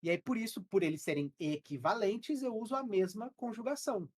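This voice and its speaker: A woman's voice: mid-range voice, a little fast, darkish tone, slightly rough. A woman from Brazil teaching English grammar to developers in a live online class, explaining rules step by step and checking in with her students. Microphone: headset.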